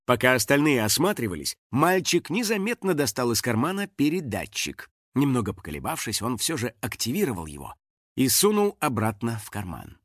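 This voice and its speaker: A man narrating a children's audiobook in an expressive storytelling manner. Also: medium pitch, a little fast, no room sound, studio quality.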